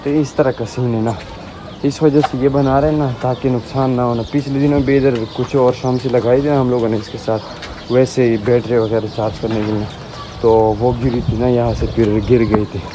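A man's voice: mid-range voice, fairly even intonation, moderate pace. Young man, 20s, casual tour vlog, phone at arm's length, outdoors, birds and ambient noise behind. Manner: chatty, keeps tagging "na" onto lines while showing viewers around. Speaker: vlogger. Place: outdoors on a rooftop and a village yard. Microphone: phone held at arm's length.

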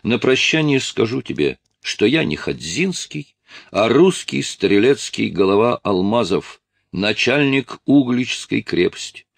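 A man's voice: medium pitch, big pitch swings, measured pace, gravelly, dry recording, pitched above the performer's own voice, exaggerated voice. A man voicing a resolute Russian musketeer commander who speaks firmly.

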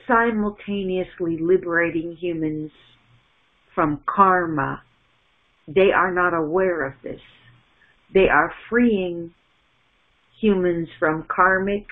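Middle-aged woman, spiritual channeler, slow halting delivery with repeated words, narrow phone-like earphone-mic sound. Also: on the low side. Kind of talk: channeled message in first person plural. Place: small indoor room at home. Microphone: wired earphone mic on a webcam call.

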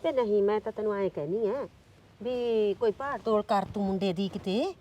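In a village drama, a woman acts the part of a scheming middle-aged aunt who nags, coaxes and stirs up trouble. Her natural voice sits at medium pitch and moves at a moderate pace, sounding loud, nagging and coaxing.

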